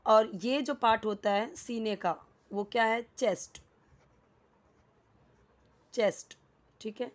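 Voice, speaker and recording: A woman's voice: on the high side, slow, pauses often. A woman teaching a casual lesson, patiently explaining and repeating words, often checking in with the listener. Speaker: English teacher.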